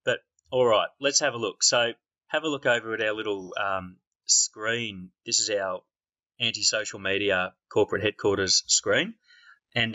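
Male podcast host, dry deadpan banter, bright voice, lo-fi sound. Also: fairly low pitch. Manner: dry, deadpan, self-mocking humor. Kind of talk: casual joking podcast chat. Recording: dull lo-fi sound.

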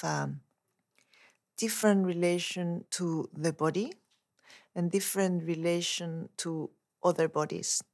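A woman talks in an unhurried, reflective way, pausing to find her words. Her voice sits a little low and carries a gravelly fry. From Chile. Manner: thoughtful, searching for words. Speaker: dance artist. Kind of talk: reflective interview monologue.

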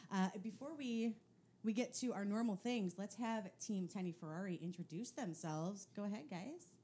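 A woman's voice: medium pitch, normal speed, dark tone. A woman co-hosting a podcast in a casual, conversational style. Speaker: podcast co-host. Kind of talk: casual chat. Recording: faint background noise.

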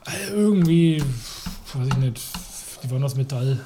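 A man's voice: medium pitch, expressive, normal speed, background noise. A man from Germany in casual conversation as a podcast co-host, chatty, easily sidetracked, laughing often. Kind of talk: casual chat.

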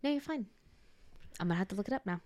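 A young woman with a light Southern accent, hosting a casual chat with quick asides and frequent laughs. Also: mid-range voice, lively intonation, darkish tone, no echo.

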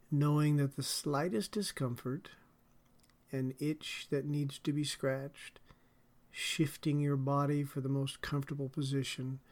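A man leading a guided relaxation as a podcast host, soothing and deliberate in his measured phrasing. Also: medium pitch, gravelly, darkish tone.

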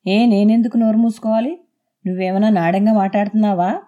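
A woman reading aloud voices a fierce, outspoken older mother who scolds loudly. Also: medium pitch, steady tone, quick pace, pitched above the performer's own voice, natural voice. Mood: furious. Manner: sharp, scolding. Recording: dull lo-fi.

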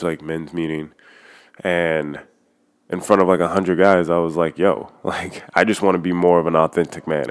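Very deep-voiced man, casual and candid. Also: clear, resonant tone. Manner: loose and candid, heavy use of "like", swears freely. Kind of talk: casual personal chat.

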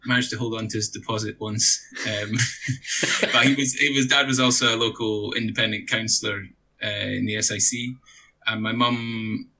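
A man with a Shetland Scottish accent talks as a guest in a conversational interview. His voice is slightly low and very bright, with little swing in pitch. He explains things in a chatty, anecdotal way. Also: little pitch movement, moderate pace, low-quality recording. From Shetland, Scotland. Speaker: interview guest, election candidate. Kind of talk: relaxed conversational interview answers.

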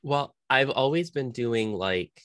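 A man's voice: medium pitch, lively intonation, slow pace, a bit bright, no echo, studio quality. A young man talking casually as a guest in an interview, chatty and full of fillers. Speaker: podcast guest, nonprofit founder.

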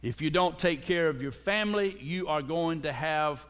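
A man's voice: a little high, normal speed, fairly bright tone, smooth. A man preaching a sermon as pastor, joking and calling out to his congregation. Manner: humorous, calls out to the congregation. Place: church sanctuary. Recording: long echoing church reverb.

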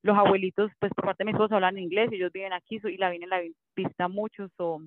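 A woman's voice: mid-range voice, flat delivery, fast, no room sound. A woman chatting casually about raising her daughter, dropping English fillers into her speech. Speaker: guest, mother. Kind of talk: casual conversation. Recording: thin phone-like dry audio.

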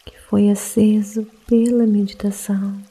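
A woman guiding a sleep meditation in a soft, breathy, partly whispered voice, hushed and calming as if late at night. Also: medium pitch, measured pace, poor audio. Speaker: meditation guide.

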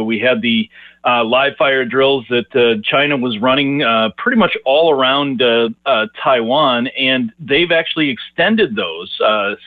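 A man's voice: medium pitch, dry recording. A man speaking as a market analyst over a phone line, answering interview questions in a hesitant way with many fillers and restarts. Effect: heard over a phone line. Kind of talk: casual radio interview answers. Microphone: telephone. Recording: tinny dry phone line.

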